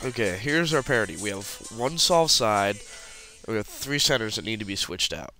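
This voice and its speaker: An expressive man with a voice on the low side speaks at normal speed, his tone pushed and bright, while soft music plays in the background. He's narrating a puzzle tutorial over a screen recording in a casual way, clicking through the steps. He has the flu and sounds congested, with frequent sniffling.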